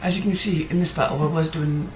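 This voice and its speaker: The gaming channel host keeps a steady, medium-pitched tone at a quick pace while casually rambling over gameplay, tripping into fillers and restarts as his voice tires. A roomy echo and faint music fill the background.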